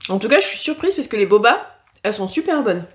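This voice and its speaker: A woman giving a casual taste-test review to camera, talking frankly and often pausing on filler sounds and restarts. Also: fairly high pitch, sing-song. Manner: chatty and frank, leaning on "franchement" and "concrètement"; hesitant, with frequent filler sounds and self-corrections. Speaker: food tasting vlogger.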